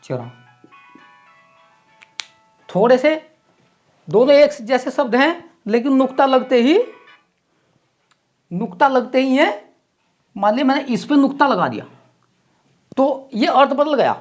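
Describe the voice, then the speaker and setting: Lively male Hindi grammar teacher. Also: very high voice, faint music behind. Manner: explains slowly with repeated example words. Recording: dull lo-fi classroom recording.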